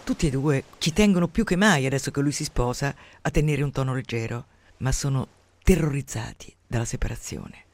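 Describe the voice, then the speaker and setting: A man hosting a radio program who retells and reads from a novel in an expressive, conversational way. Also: mid-range voice, fairly quick, slight background noise. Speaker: radio host reading and discussing a novel. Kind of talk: literary reading and commentary on radio.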